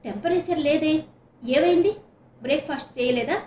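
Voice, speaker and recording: Woman doing a kind, brisk college lecturer. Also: high-pitched, a little mellow, roomy sound, far from the mic, a little hiss or hum, voice pushed up, close to an everyday voice. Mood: concerned. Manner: brisk questions, then soothing.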